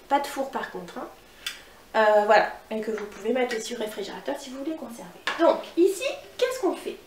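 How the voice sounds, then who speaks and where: A woman's voice: fairly high pitch, roomy sound, recorded from a distance, slight background noise. A woman with a northern French accent giving a chatty, upbeat cooking demonstration at home, talking straight to her viewers. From northern France. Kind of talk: casual cooking demo.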